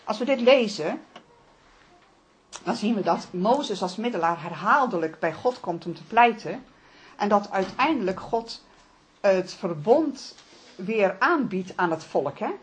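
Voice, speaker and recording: A middle-aged woman reading Bible passages aloud and explaining them to a study group in a calm, measured way. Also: medium pitch. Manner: calm, measured, with occasional restarts.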